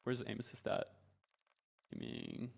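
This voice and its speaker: A man's voice: medium pitch, animated, normal speed, vocal fry, slightly rough. A man streaming a game, chatting casually and rambling with lots of filler words. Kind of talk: casual gaming commentary. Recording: game gunfire in the background. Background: game gunfire.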